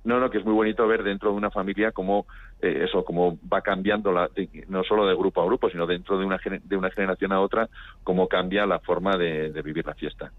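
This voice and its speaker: A fast-talking man from Pamplona, Spain, with a northern Spanish accent, tells casual anecdotes while being interviewed as a documentary filmmaker over a phone-like radio link. His voice is low and steady in tone, recorded dry.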